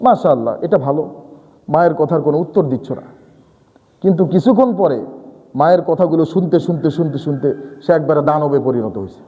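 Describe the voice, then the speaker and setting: A man preaching a sermon, quoting scripture and then scolding his listeners in plain rustic speech. His voice sits fairly high and mellow, leaping into loud peaks and sinking to hushed lows. A long reverb hangs around every word. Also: expressive, brisk. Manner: emphatic, rising to loud scolding outbursts then dropping low; quotes Arabic verses and explains them in rustic colloquial speech.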